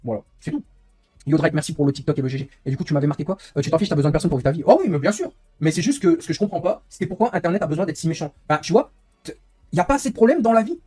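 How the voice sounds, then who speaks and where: A man's voice: fairly high pitch, expressive, racing, a little mellow, slightly rough. A young man chatting candidly on his live stream, rambling and confiding, with frequent tag words. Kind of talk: casual live-stream chat.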